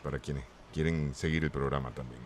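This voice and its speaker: A man's voice: very deep voice, steady tone, brisk, darkish tone, slight background noise. A man with a Nicaraguan Caribbean-region Spanish accent, co-hosting a live current-affairs discussion on radio. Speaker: radio show co-host.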